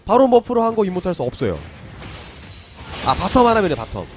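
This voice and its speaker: A man's voice: high voice, very animated, a little fast, faint music behind. A man giving play-by-play commentary on a live game as an esports caster.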